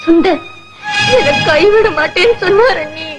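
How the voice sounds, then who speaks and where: A woman's voice: very high-pitched, lively intonation, normal speed, faint music behind. An actress playing a crying young woman who confesses she was deceived, in a 1970s Tamil film. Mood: tearful.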